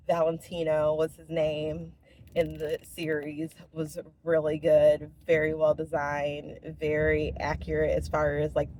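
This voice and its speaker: A young woman chatting casually as a vlogger, enthusiastic and full of "um" pauses. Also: sits low, a little mellow, a little hiss or hum. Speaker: vlogger reviewing a TV series. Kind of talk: casual chat.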